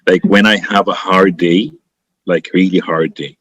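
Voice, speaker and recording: A man with an Egyptian accent speaks as an interview guest in a fairly low voice. His delivery is conversational, emphatic and encouraging, with phrases repeated to drive them home. The sound is close and dry. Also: steady tone, unhurried, a bit bright, dry recording, poor audio. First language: Arabic. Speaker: interview guest, politician and teacher.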